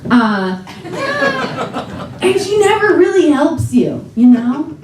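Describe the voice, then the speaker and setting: A woman's voice: high-pitched, big pitch swings, slow pace. A young woman from a small American town doing stand-up comedy on a theater stage, wry and exasperated, often laughing through her lines. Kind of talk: stand-up set. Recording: roomy live venue audio with crowd laughter, taped from a distance. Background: audience laughter.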